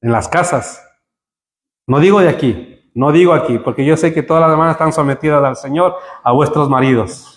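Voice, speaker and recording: A man preaching a sermon to his congregation, joking with them and building to emphatic high peaks. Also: fairly quick. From Spain. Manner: humorous, rising to emphatic peaks. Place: church hall. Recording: echoey church hall.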